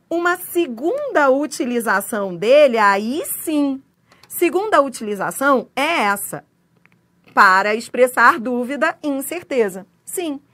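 A woman's voice: on the high side, a little slow. A middle-aged woman with a Brazilian accent, teaching an exam-prep grammar lesson and acting out little dialogues as examples. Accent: Brazilian Portuguese. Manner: lively, acts out dialogues, laughs at her own examples.

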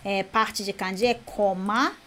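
Slow, patient woman teaching kanji. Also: medium pitch, fairly even intonation, a bit bright, a little hiss or hum. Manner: repeats words slowly, tags with "né?" and "ok?". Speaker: Japanese teacher. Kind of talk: kanji lesson.

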